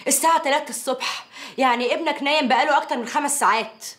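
A woman's voice: high-pitched, rapid-fire, a bit bright. An actress playing a bitter, scornful divorced mother with an Egyptian accent in a TV drama. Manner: scornful, cutting.

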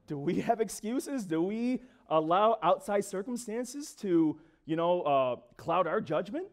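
Young man, guest preacher, casual sermon, high voice, lively swooping pitch, church. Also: a little slow. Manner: casual, conversational preaching with fillers and acted asides. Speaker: guest speaker.

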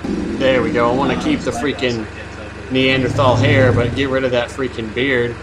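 A man's voice: mid-range voice, level tone, normal speed, very noisy. A man hosting a comedic let's play, boasting and trash-talking the creatures he fights, with a profane, playful manner. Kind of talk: comedic gameplay commentary.

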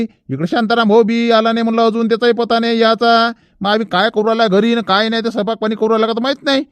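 A man's voice: high-pitched, clean tone, no echo, lightly acted. A man playing an impatient village headman in a comedy skit, grumbling and scolding.

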